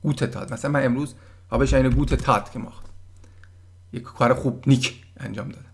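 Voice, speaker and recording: A man giving a casual German lesson, patiently explaining words and sounding them out slowly. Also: mid-range voice, steady tone, gravelly. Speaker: German language teacher.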